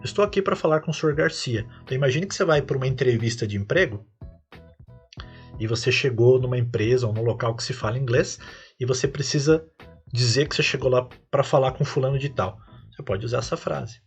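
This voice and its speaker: Speaking quickly in a mid-range voice, this Brazilian-accented man teaches English on a podcast while faint music plays behind him. His explanations go patiently step by step, and his voice rises on every English example phrase.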